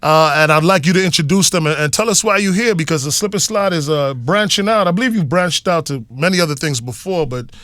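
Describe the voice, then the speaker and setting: A man from New York hosting a casual hip hop radio interview in his studio, hyped and quick to affirm his guest. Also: a little high, pushed and bright, dry recording. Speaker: radio host.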